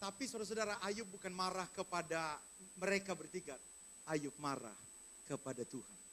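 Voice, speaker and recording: A male pastor preaches in a loose, conversational way, turning often to his congregation. His voice is very high and bright. It sounds talked rather than read. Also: normal speed, slight background noise. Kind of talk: sermon.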